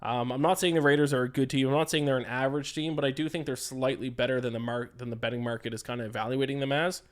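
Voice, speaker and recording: A worn-out young man talks through his sports betting picks in a loose solo podcast. His voice sits at an ordinary middle pitch. He drifts and gets sidetracked, and his talk is full of "uh" and "um.". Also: fairly even intonation, fast. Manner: rambling, distracted, frequent "uh" and "um". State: tired, yawning. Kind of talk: casual solo podcast commentary.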